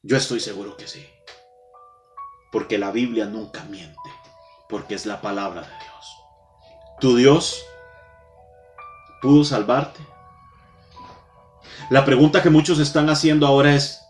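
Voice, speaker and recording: A man preaching a sermon in a church, speaking straight to his listeners and dragging out key words with long pauses. His voice rings around a roomy, echoey space, with soft music playing underneath. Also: mid-range voice, fairly even intonation. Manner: dramatic pauses, slows for emphasis, addresses the congregation directly. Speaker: pastor.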